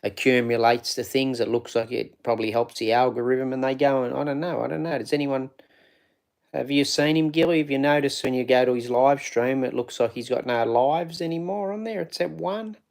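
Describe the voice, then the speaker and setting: Casual live-stream host, man, gravelly voice, rambles and greets his chat. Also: medium pitch, a little fast, a little mellow. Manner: rambling, greets viewers by name.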